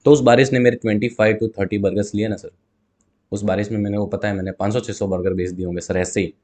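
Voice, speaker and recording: A man's voice: on the low side, steady tone, quick pace, darkish tone. A man, a guest telling a story in a casual interview. He talks animatedly, acts out both sides of talks with customers, and mixes in English words. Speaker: guest, burger seller.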